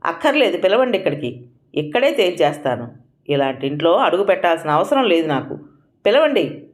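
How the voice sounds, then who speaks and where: A woman reading an audio story, voicing an angry young adult son who shouts his scorn at his mother. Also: on the low side, very animated, normal speed. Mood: furious. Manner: shouting, contemptuous.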